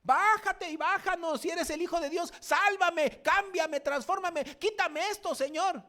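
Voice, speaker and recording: A man's voice: very high-pitched, unhurried, bright, forceful tone, pitched above the performer's own voice, heavily acted. A man with a Mexican accent voicing a desperate man who demands that God rescue him, pleading and insistent.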